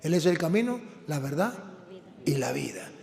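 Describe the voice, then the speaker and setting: Priest, forceful repetitive preaching, high voice in a reverberant church. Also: male voice, very animated, moderate pace, gravelly. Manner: emphatic, repeats lines for the congregation. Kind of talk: sermon.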